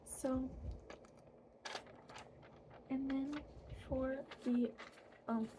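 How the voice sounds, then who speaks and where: A high, breathy woman's voice in an ASMR role-play as she acts out a friendly, apologetic fairy. She takes her time, pausing hesitantly between casual phrases. Noticeable noise sits behind the soft delivery. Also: flat delivery. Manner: hesitant, informal, many trailing pauses. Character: friendly, apologetic young fairy guiding a newly hatched fairy. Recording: clearly audible background noise.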